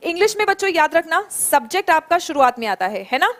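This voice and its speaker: Woman teacher, high voice, slow drilled example phrases, encouraging online class. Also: big pitch swings, a bit bright. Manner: drills phrases slowly, praises students by name. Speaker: English teacher. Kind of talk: online spoken English class.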